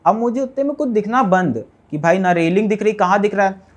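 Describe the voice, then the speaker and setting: A man who survived a fire, giving an earnest, rambling eyewitness account to an interviewer with many fillers. He often drops to a quieter voice as he recounts it. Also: sits high, brisk.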